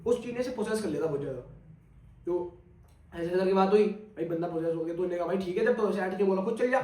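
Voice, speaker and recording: Fast-talking young man spinning a scary tale. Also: high-pitched, echoey room, far from the mic. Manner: animated, crude slang, swears for emphasis. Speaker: podcast storyteller. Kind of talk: casual storytelling chat.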